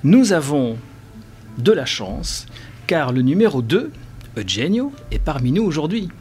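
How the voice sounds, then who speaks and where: A man's voice: on the high side, sing-song, unhurried, a little mellow, faint music behind. A man presenting a guest with formal, polished phrasing as a co-host. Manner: eloquent, formal.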